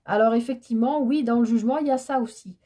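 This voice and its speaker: A woman giving a tarot reading in a casual, hesitant way, stammering and filling pauses as she talks. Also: fairly high pitch, mellow. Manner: hesitant, stammering, many fillers. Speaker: tarot card reader.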